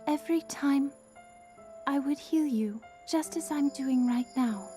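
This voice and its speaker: A man voicing a gentle, caring young fish-woman princess, speaking softly and earnestly. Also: very high voice, unhurried, faint music behind, pitched above the performer's own voice. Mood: tender. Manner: soft, tender, earnest.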